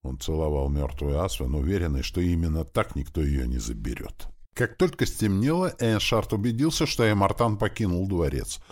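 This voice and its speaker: Male audiobook narrator, dramatic; extremely low, husky voice. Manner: dramatic, expressive reading.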